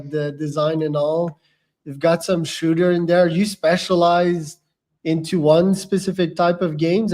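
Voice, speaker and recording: A man hosting a podcast, giving brisk introductions and questions. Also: fairly high pitch, darkish tone. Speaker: podcast host. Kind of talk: interview hosting.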